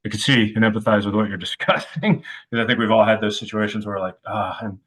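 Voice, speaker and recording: Reflective man in his thirties, low voice. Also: steady tone, a bit bright, husky. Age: 30s. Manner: reflective, halting, many filler sounds. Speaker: wide receivers coach. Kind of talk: podcast interview.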